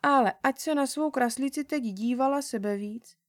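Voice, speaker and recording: A woman reading a children's story aloud in a gentle, unhurried narrating voice. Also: high-pitched, no room sound, clean studio sound.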